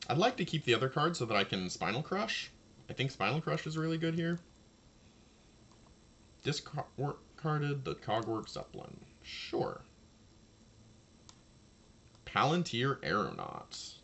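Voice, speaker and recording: A man casually commentating his own card game match, thinking aloud and talking to his opponent, his voice low and slightly gravelly. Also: huge pitch swings, unhurried, pauses often, a bit bright.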